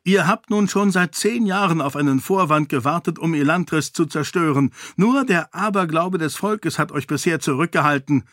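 Strong-willed princess, read by a man in a higher voice; cold, cutting, commanding, dry recording. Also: normal speed, hardly any pauses, fairly bright tone, no room sound, lightly acted. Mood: defiant. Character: fierce, strong-willed young princess, woman.

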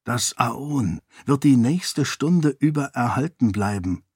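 A composed young prince, voiced by a man, speaks in a quiet, hushed way that carries a threat. His voice sits at a middle pitch and is kept soft. The booth is dry, with no echo. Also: animated, takes it slowly, breathy edge. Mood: quietly menacing. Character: young prince, calm and commanding in danger.

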